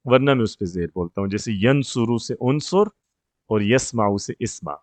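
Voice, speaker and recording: A man teaching grammar one-on-one, explaining rules step by step, slowing down on example words, and often checking that the student follows. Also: mid-range voice, lively intonation, darkish tone, no echo. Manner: slows down to spell out example words. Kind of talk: patient one-on-one grammar tutoring.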